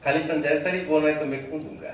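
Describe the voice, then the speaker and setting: A high-pitched man leads a motivational training session from a stage and pushes his audience to shout back their answers. His voice rings through a very echoey hall and sounds a little far from the mic, with faint noise behind. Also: fast, a crowd in the background. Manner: energetic, drills the audience to answer loudly. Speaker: sales trainer.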